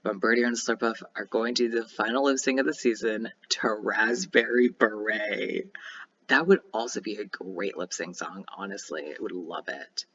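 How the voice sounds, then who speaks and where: A young man casually commentating a game he plays, chatty and excitable, with many ums and restarts. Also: fairly low pitch, fairly quick, hardly any pauses, slightly rough, muffled recording. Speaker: gaming YouTuber.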